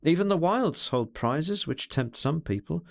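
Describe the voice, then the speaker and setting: A man reading aloud, voicing a brooding, bitter man who talks over his feelings in an introspective, measured way. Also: fairly high pitch, animated, vocal fry, pitched above the performer's own voice. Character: brooding, scornful, self-searching man.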